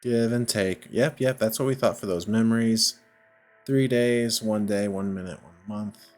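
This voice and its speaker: A slightly mellow, low-side voice at a measured pace belongs to a game playthrough host, heard over faint music. He reasons through a puzzle game in casual commentary, hesitant and quizzing himself as he goes.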